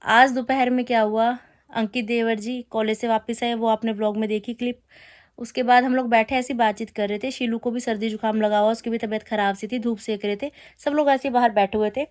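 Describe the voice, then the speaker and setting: A woman in her thirties tells her day on a family vlog in a loose, chatty way. Her voice sits a little high. She teases and mock-complains as she goes. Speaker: family vlogger. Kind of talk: casual vlog narration.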